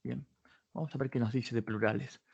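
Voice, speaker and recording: Speaking a little fast in a steady, mid-range voice with vocal fry, this workshop instructor sounds a little mellow and slightly rough over dull audio. He walks viewers through a database search in a live online patent search tutorial, reasoning aloud with many restarts and self-corrections.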